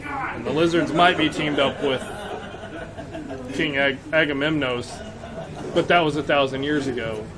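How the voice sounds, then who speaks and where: A man playing a tabletop game, casually recapping events with hesitant pauses, in a room full of chatter. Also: medium pitch. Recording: noisy room with crowd chatter.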